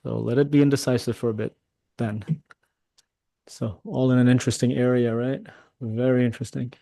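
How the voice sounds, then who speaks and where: Middle-aged male trading mentor, live market commentary, excitable, chats with viewers, dry close sound. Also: medium pitch, brisk, vocal fry, no echo. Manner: excitable, talks to chat, swears when frustrated.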